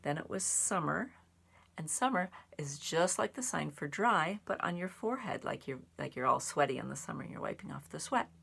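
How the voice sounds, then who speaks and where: Sitting low in pitch, her husky voice has vocal fry, a slight brightness, and an animated quality at normal speed. She's a children's storyteller and sign language teacher, reading and explaining simply. It's a picture-book read-aloud with informal sign language lessons.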